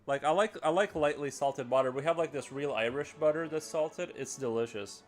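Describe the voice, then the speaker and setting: A man's voice: a little high, moderate pace. A man chatting casually on a live stream while he draws, thinking aloud with frequent restarts and filler words. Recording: faint music underneath.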